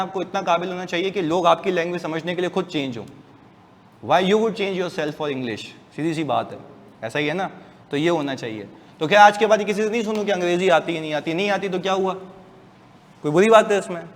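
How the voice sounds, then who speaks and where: A man, giving a casual, joking lecture to a class of accounting students. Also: on the high side. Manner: chatty, joking, lively asides to students. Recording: distant voice in a reverberant room, faint hiss.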